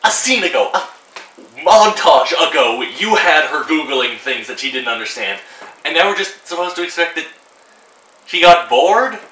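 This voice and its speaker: A man's voice: a little high, expressive, moderate pace, bright, forceful tone, reverberant, far from the mic, a little hiss or hum, poor audio. A teenage boy ranting to camera about a film, sarcastic and exasperated, swearing freely. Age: teens. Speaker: vlogger. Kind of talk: casual rant to camera. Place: room at home.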